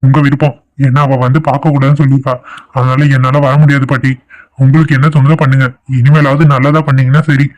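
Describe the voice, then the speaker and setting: A man's voice: medium pitch, level tone, fast talker, natural voice. A man voicing an exasperated grown son in a cartoon, talking firmly. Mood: weary. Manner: firm, exasperated. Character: exasperated grown son dealing with family quarrel. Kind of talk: cartoon voice acting.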